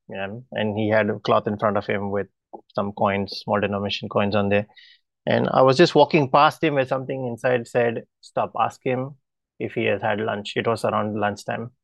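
A man preaching, telling a personal testimony in an earnest, halting way with frequent restarts. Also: on the low side, fairly even intonation, gravelly, no echo.

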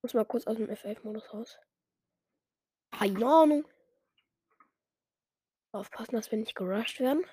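Chatty gamer woman, husky and dry. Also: a little high, a little slow, pauses often, warm tone, no room sound. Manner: chatty, self-mocking, mutters under her breath. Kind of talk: casual gameplay commentary.

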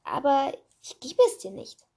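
A woman voicing a brisk young schoolgirl witch who blurts out exclamations. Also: high-pitched, huge pitch swings, gravelly, mellow, pitched above the performer's own voice, full character voice. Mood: earnest.

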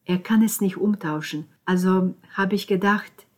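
Audiobook: woman narrator doing flustered neighbor lady, eager, breathy, rushed. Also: mid-range voice, a little mellow, natural voice. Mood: flustered, pleading. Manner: breathless, quick and pleading. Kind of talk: audiobook character voice.

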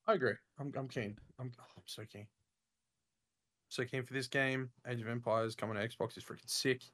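A young man chats on a podcast in a mid-pitched voice. He rambles eagerly, piling on fillers like "like" and "freaking". His delivery is loose and unscripted. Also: steady tone, normal speed, fairly bright tone. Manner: enthusiastic, rambling, says "freaking" and "mate" a lot. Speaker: podcast co-host. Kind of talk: casual chat.

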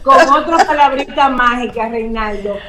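A woman speaks as a guest on a talk show, with a voice a little on the high side. She explains her points calmly and acts out everyday exchanges as examples. Her voice carries a roomy echo. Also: moderate pace.

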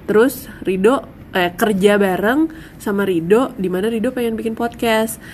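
A woman's voice: medium pitch, moderate pace, a little mellow, a little hiss or hum. A young woman hosting a podcast in casual, chatty banter with friends. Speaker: podcast host, former radio announcer.

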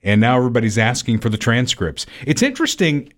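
A man co-hosting a podcast, chatting casually about the news in a drawn-out, conversational way. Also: mid-range voice, huge pitch swings. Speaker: podcast co-host. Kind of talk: casual political chat.

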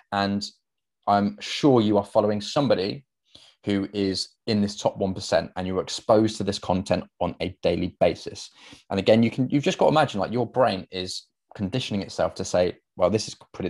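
A man's voice: low-pitched, a little mellow. A young man, a fitness coach, talking through his solo podcast in an earnest, conversational way, full of fillers and restarts.

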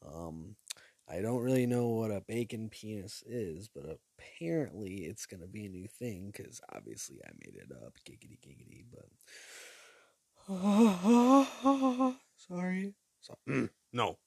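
A man's voice: on the low side, very animated, moderate pace, creaky, a little mellow, breathy edge, no echo, clean studio sound. A sleepy young man hosting a podcast alone, rambling in a silly, meandering late-night monologue full of fillers. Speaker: podcast host.

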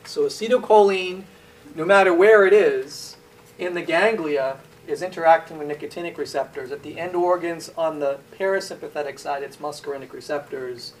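A pharmacology lecturer with a slightly high voice speaks at a moderate pace in a lecture room, asking his students questions and then answering them himself. The mic is distant, and the room is echoey with faint hiss.

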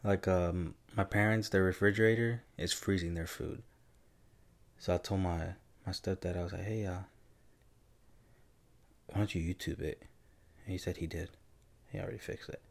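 A man with a very low voice chatting casually as a podcast co-host. He teases and playfully quizzes his partner. His talk is loose and conversational. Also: level tone, normal speed, creaky. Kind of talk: casual chat.

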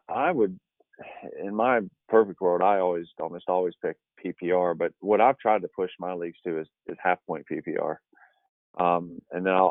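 A man's voice: low voice, no echo. A man talking fantasy football on a podcast, rambling with many fillers and restarts. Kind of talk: casual podcast chat. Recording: dry, tinny phone-like line.

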